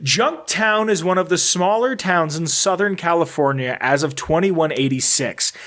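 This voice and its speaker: A man's voice: fairly high pitch, normal speed, fairly bright tone. A young American man co-hosting a podcast, reading game lore aloud with rambling, self-deprecating asides. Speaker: podcast co-host.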